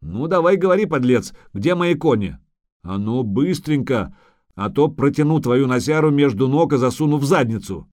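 A man voicing a quick-tempered halfling merchant who barks rough demands. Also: mid-range voice, dark tone, dry recording, clean studio sound, lightly acted. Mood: angry. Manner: barking, rough.

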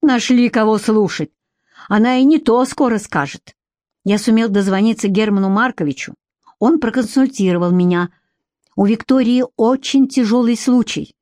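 A woman's voice: a little high, moderate pace, darkish tone, dry recording, studio quality, close to an everyday voice. A woman reading the part of an irritable, stubborn middle-aged man in an audiobook, curt and exasperated. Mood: dismissive.

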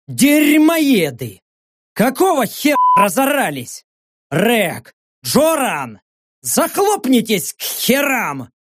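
A man's voice: extremely high pitch, wildly swooping pitch, slow pace, slightly rough, voice pushed up, full character voice. A man voicing a tough, foul-mouthed male commander who barks cursing orders in an audiobook. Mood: angry.

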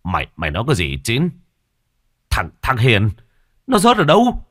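A man voicing a sorrowful middle-aged fisherman who speaks haltingly, in a storybook reading. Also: mid-range voice, sing-song, husky, pitched above the performer's own voice. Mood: alarmed. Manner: halting, stammering speech. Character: grieving middle-aged fisherman father, low and heavy.

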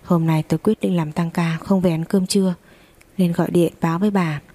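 Fast, low-voiced woman telling a story. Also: fairly even intonation, warm tone. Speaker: narrator. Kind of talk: first-person story narration, voicing all characters.

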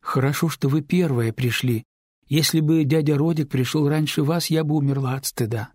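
A man's voice: on the high side, moderate pace, a little mellow, no room sound, studio quality, natural voice. A man reading an audiobook, voicing a distraught, tearful teenage neighbor girl who pleads and apologizes in a rush. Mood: pleading, upset.

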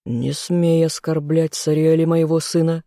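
An audiobook reader voicing a weary, stern king who speaks calmly and condescendingly. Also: on the high side, measured pace, dry recording, clean studio sound. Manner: calm, condescending, firm. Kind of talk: audiobook role reading.

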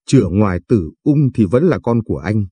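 Man reading as enraged betrayed wife, low husky voice, dark tone, dry sound. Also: big pitch swings, fairly quick, no echo. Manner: shouting accusations. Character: wronged young wife, furious and heartbroken.

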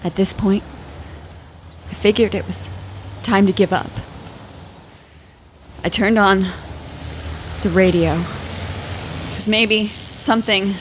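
A woman telling an improvised comic story in a halting, dramatic way, often repeating phrases. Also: medium pitch, steady tone, a little hiss or hum, rough recording.

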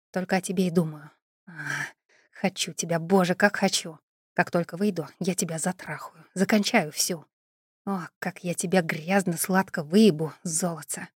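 A woman reading an audiobook voices a jailed scheming man who talks in a low, hushed murmur. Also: no echo, studio quality, natural voice.

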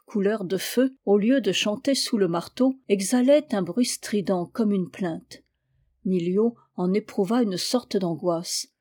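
A woman narrates an old folk tale in a steady storytelling voice. Her tone is mellow and dark, at a middle pitch. She lifts her voice when quoting characters' calls. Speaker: audiobook reader.

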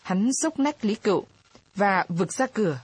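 A woman narrating a novel in a steady late-night reading. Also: medium pitch, a little slow, breathy edge, dry recording. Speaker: storyteller.

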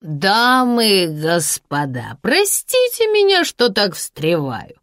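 A woman's voice: on the low side, big pitch swings, slow pace, no room sound, clean studio sound. A woman reading an audiobook, voicing a drunken, boastful ruined man who slurs his words theatrically. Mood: drunk, mocking. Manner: slurred, theatrical, loud. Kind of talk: audiobook character voice.

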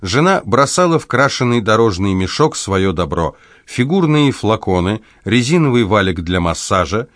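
A man reading an audiobook in a measured, even delivery. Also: deep voice, dry recording, clean studio sound. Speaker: audiobook narrator. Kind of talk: scripted audiobook narration.

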